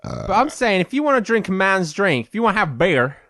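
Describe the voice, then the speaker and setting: A man's voice: high voice, big pitch swings, fairly quick, a bit bright, no room sound, studio quality. A young man co-hosting a podcast, drunk, telling stories with lots of hesitation. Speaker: podcast co-host. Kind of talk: drunk casual storytelling.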